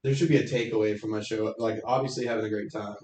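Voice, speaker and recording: A man talking quickly as a comedian guest on a casual chat show. He rambles through jokey, sarcastic stories. His voice rings in a roomy, echoey space. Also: lowish voice, fairly even intonation, darkish tone, a little hiss or hum.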